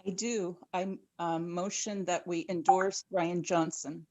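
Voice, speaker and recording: A woman caucus member speaking quietly and hesitantly in support of a motion over a video call. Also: on the low side, fairly even intonation, takes it slowly, dry recording.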